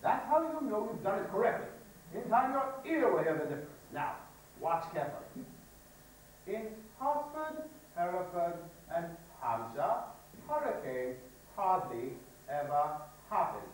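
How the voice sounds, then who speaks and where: A stage actor playing an impatient, pompous phonetics professor, lecturing briskly and exasperatedly. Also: medium pitch, very animated, slight background noise, natural voice. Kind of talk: amateur stage musical acting. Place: theater stage. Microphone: audience recording from far off. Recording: echoey theater hall, distant mic.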